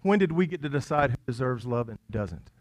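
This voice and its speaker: Man pastor preaching; easygoing, teasing, punches key lines then drops low. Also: expressive, quick pace. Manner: conversational and playful, swinging between loud emphasis and quiet asides. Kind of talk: sermon. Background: congregation chuckling.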